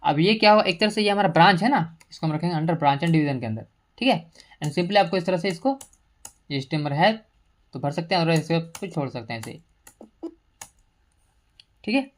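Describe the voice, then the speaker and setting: A woman teacher giving a step-by-step software tutorial at her computer, explaining each entry while mixing English terms into her speech. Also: on the low side, expressive, moderate pace, pauses often. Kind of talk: screen-recorded software tutorial.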